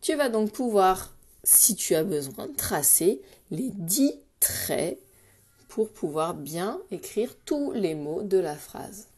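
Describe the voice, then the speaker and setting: A woman teacher leading a daily dictation lesson for young children, patient and clear, repeating each syllable and word slowly. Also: mid-range voice, big pitch swings, darkish tone. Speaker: primary school teacher.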